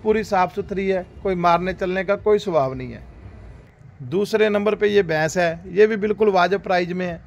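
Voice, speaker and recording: A man, hosting a dairy farm video, giving a repetitive, upbeat livestock sales pitch outdoors in a cattle yard, recorded on a handheld phone. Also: moderate pace, vocal fry, muffled recording. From Rajasthan, India.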